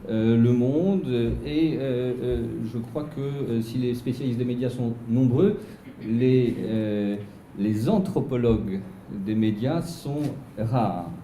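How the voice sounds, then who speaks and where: A man's voice: medium pitch, slow, background noise. Hesitant French-speaking man in echoey room. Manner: hesitant, many filler sounds and restarts. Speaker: seminar chair introducing the speaker. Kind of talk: academic introduction. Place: seminar room.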